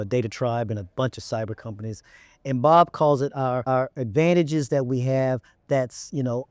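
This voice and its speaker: Recorded on a lapel mic with no echo, this middle-aged chief executive from Texas, United States, speaks in a darkish, mid-range voice with an American accent. As an interview guest on an indoor event set, he answers conversationally and repeats phrases for emphasis.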